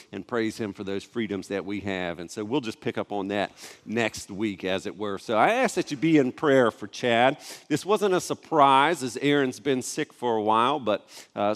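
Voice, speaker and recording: A man in his thirties preaching a sermon, telling a family story in a relaxed, conversational way with asides to the congregation. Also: medium pitch. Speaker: pastor. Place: church sanctuary. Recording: long church hall reverb.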